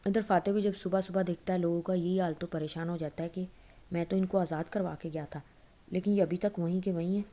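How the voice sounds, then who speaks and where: A woman's voice: lowish voice, dark tone. A young woman casually retelling a novel's plot in a loose, chatty way, often correcting herself mid-sentence. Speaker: novel recap storyteller.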